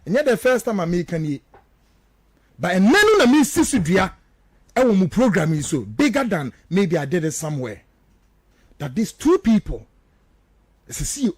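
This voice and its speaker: With no room sound, a Ghanaian man, a native Twi speaker, talks at a moderate pace in a high, sing-song voice. He gives declamatory political talk radio commentary that is emphatic and accusatory, mixing English and local language.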